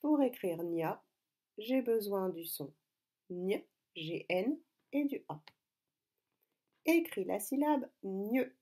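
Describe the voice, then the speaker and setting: Woman schoolteacher, mellow voice, slow deliberate phonics lesson for kids. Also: medium pitch, animated. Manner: slow, clear, deliberate teacher talk addressing pupils. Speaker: primary school teacher.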